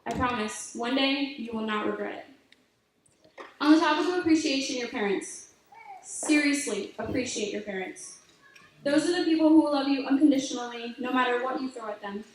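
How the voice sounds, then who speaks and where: A woman's voice: high-pitched, moderate pace. A teenage girl giving a graduation speech, earnest and heartfelt as she offers advice to younger students. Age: late teens. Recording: echoey hall, voice from far off, faint noise.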